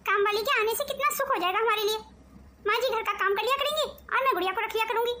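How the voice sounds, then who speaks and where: A woman voicing a spoiled, sharp-tongued young wife in a cartoon family drama, taunting and petulant. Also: extremely high pitch, quick pace, slight background noise.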